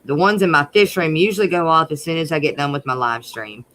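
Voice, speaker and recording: A Southern woman chats easily as a livestream co-host, her voice bright and forward. She answers with quick agreement and little asides. A faint hiss sits behind her. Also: low-pitched. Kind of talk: casual livestream chat.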